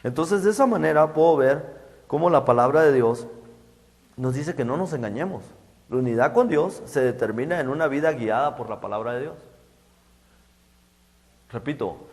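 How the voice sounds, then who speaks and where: A middle-aged man preaching a sermon, halting and repeating words as he goes. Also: medium pitch, lively intonation. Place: church hall. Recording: echoey church hall.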